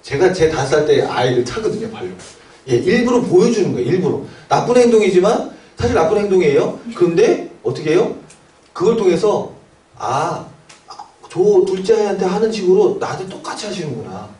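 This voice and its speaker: A man with a fairly high, mellow voice gives a quick seminar lecture to academy owners. He keeps asking questions and answering them himself. He is recorded from a distance in an echoey room. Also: big pitch swings.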